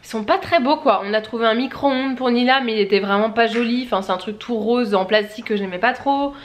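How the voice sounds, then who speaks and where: Young woman vlogger, quick rambling patter, slightly high voice, filler-heavy casual chat to camera at home. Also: slight background noise. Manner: rambling, breezy, lots of fillers. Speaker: family vlogger. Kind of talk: casual chatty vlog to camera. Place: at home, indoors.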